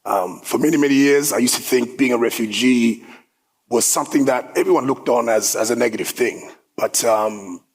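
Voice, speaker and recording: Upbeat man in his thirties, from South Sudan, husky tone at middle pitch, speaking casually to an event crowd. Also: normal speed, low-quality recording. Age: 30s. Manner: upbeat, conversational, with filler words. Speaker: guest speaker. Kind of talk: personal story talk. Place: event hall.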